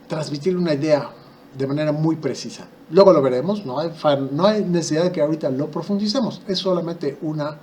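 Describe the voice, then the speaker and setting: Man, Mexican accent, language teacher, patient step-by-step explaining, rhetorical questions, somewhat high voice, faint background hiss. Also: darkish tone. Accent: Mexican Spanish. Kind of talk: explanatory video lesson.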